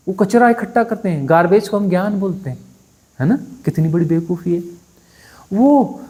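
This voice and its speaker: A spiritual teacher giving a satsang discourse, talking conversationally and bluntly, often pausing to ask his listeners for agreement. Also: a little high, mellow. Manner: conversational, keeps asking "है ना?" for assent; blunt and dismissive, mocking.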